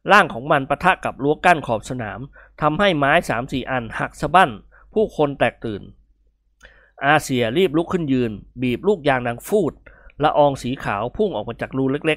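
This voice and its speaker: Lively male storyteller. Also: medium pitch, normal speed, no echo, clean studio sound. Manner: lively, expressive. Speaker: narrator. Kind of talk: storytelling reading.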